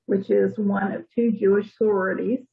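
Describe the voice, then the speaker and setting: A woman from Arkansas telling stories from her life in an interview, in a thoughtful, unhurried way. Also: medium pitch, level tone, creaky. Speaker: interviewee, church member. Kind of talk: casual storytelling interview. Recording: tinny phone-like line.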